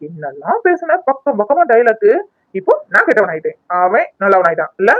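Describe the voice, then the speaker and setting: A man's voice: high-pitched, very animated, fairly quick, no echo, dull audio, soft background music. A man voicing a young man in a cartoon, a spurned ex-lover who is mocking, sarcastic and scheming. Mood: bitter, mocking.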